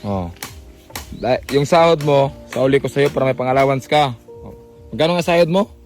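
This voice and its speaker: A man's voice: medium pitch, moderate pace, darkish tone, soft background music. A young adult man hosting a casual vlog, coaxing and repeating short phrases again and again. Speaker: vlogger host.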